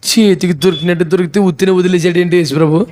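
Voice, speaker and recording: A male pastor preaching a sermon with animated storytelling. He fires off mocking rhetorical questions and acts out the people in the story. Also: high voice, fast, a little hiss or hum. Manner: animated storytelling, acting out characters.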